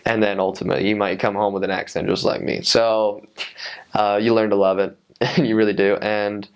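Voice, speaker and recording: A man in his twenties telling personal stories casually, in a halting, reflective way, as a returned missionary. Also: lowish voice, little pitch movement, smooth. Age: 20s. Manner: halting, reflective, trailing sentences.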